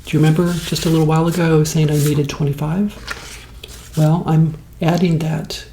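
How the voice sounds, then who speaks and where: A man in his late fifties talking in a slow, rambling, soft-spoken ASMR way, as host of the show. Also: fairly high pitch, level tone, reverberant, slight background noise. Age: 50s.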